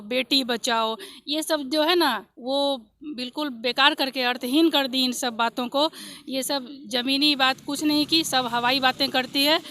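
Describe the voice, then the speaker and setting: A woman's voice: high voice, sharp tone. A woman, a protesting teacher candidate, speaking indignantly outdoors at a street protest. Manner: indignant, accusing.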